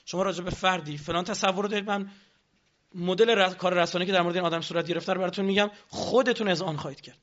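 A man's voice: high-pitched, steady tone, fairly bright tone, muffled recording. A man giving a lecture on politics, addressing the audience with rhetorical questions.

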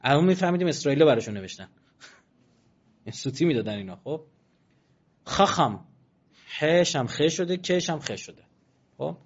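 Guy preaching, drops quiet then gets loud and fired up, reads poems slow, kinda muffled recording. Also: fairly high pitch, animated, husky. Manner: swings from quiet asides to loud emphatic bursts; recites verses slowly and deliberately. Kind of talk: religious talk with recited poetry.

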